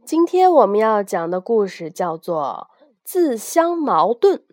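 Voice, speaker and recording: Slow, expressive woman storyteller. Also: medium pitch, no room sound, studio quality. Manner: gentle, expressive storytelling to children. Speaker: children's storyteller. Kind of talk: bedtime story reading.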